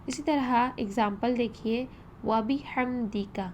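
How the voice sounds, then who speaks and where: A woman teaching a tajweed lesson, slowing down to demonstrate each vowel sound with care. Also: a little high, a little hiss or hum. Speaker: Quran recitation teacher.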